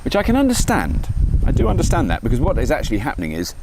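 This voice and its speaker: A man's voice: medium pitch, fast talker, background noise. A middle-aged man, rambling in a casual, self-mocking vlog monologue from his garden. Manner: chatty, self-mocking, animated. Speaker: vlogger. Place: garden, outdoors.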